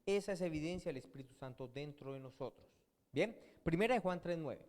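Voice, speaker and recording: Man, pastor, sermon, questions to the congregation, fairly high voice, long hall reverb. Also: lively intonation, a little fast, darkish tone. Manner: asks the congregation questions and answers them himself. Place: church hall.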